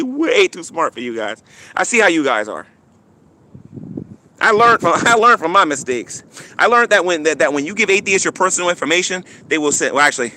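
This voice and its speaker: High, animated man ranting defiantly. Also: slight background noise. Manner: taunting, defiant, with mocking laughs and stammered repeats. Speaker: YouTube livestreamer. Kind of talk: ranting livestream monologue.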